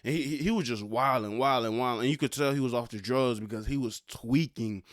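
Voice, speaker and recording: A man's voice: medium pitch, brisk, no echo, clean studio sound. A young man hosting a solo podcast, talking loosely in slang and stumbling over repeated words as he goes. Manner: stammering, loose slangy rap-fan talk. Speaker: podcast host. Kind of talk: casual solo podcast monologue.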